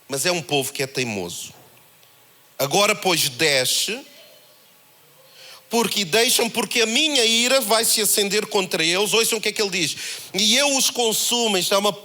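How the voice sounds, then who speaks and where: A man with a European Portuguese accent preaching a sermon, in a conversational, animated way that acts out the voices he quotes. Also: sits high. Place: church held in a cinema.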